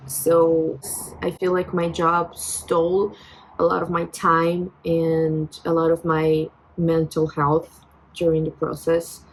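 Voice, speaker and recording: In a personal venting vlog, a Brazilian vlogger in her twenties speaks English, her second language, into her phone with a Portuguese-tinged accent. Her voice is a bit low and her pace very slow, and she comes across as reflective and hesitant, full of fillers and restarts. The recording quality is low.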